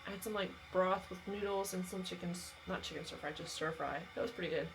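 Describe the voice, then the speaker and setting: A woman's voice: on the low side, steady tone, fast, a little hiss or hum, poor audio. A woman with a Southern US accent, chatting casually on a travel vlog and giving tips. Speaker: travel vlogger and travel agent.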